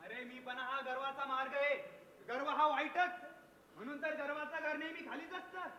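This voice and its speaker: A man's voice: extremely high pitch, steady tone, moderate pace, bright, forceful tone, a little hiss or hum, exaggerated voice. A man playing a preachy, boastful villager. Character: proud middle-aged village man, boastful. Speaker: stage actor. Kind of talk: live stage comedy acting. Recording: echoey hall from a distance.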